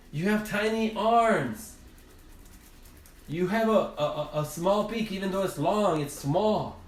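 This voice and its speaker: A man doing a high, mocking crowd of forest animals. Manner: taunting, disbelieving. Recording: roomy, from a distance.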